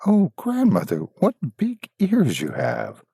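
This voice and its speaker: A trusting, innocent little storybook girl, played by a man reading aloud. The voice is pushed up high and swoops widely with earnest wonder. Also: wildly swooping pitch, slow, creaky, mellow, husky, dry recording, studio quality, heavily acted. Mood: amazed.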